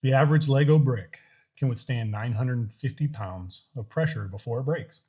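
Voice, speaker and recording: Husky, mellow man giving earnest motivational talk. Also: medium pitch. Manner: earnest, deliberate, in short phrases with pauses. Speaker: host of a daily challenge vlog. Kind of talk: motivational talk to camera with a faith message.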